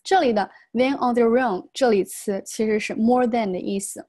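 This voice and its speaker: A woman teaching an English pronunciation lesson, reading phrases slowly as models and then explaining them. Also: a little high, darkish tone.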